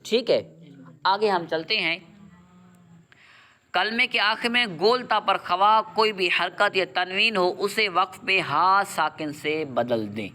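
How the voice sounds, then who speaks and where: A man's voice: sits high, sharp tone. A man teaching Quran reading, stating a rule, asking his pupils what to do, and repeating their answers back. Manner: asks a question after each rule and repeats the answer. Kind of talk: drilling lesson with call-and-response questions.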